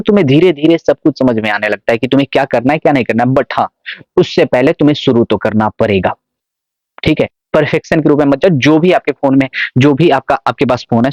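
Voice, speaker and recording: A man's voice: fairly high pitch, dry recording. A man vlogging casual motivational advice to camera, coaxing, often checking that viewers understand. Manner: coaxing, keeps asking if you understand.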